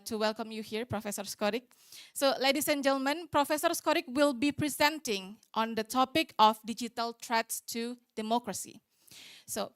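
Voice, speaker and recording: Female conference moderator, slightly high voice, formal read introduction, dry sound. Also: a bit bright, clear, resonant tone, dry recording.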